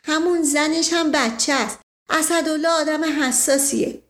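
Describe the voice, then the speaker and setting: A woman's voice: sits high, steady tone, voice pushed up, close to an everyday voice. A woman voicing a restless middle-aged nobleman with a sarcastic, needling way of talking. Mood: snide.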